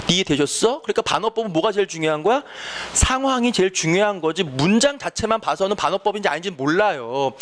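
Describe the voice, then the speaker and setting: A man's voice: high-pitched, a bit bright. A man teaching Korean literature in an online exam-prep lecture, who asks questions and answers them himself. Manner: acts out quoted lines with exaggerated voices.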